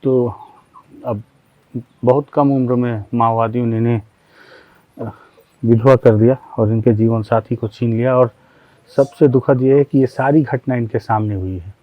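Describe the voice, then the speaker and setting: A male reporter conducting a field interview, asking gentle, probing questions. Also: medium pitch, fairly even intonation, measured pace, pauses often, no room sound, lo-fi sound.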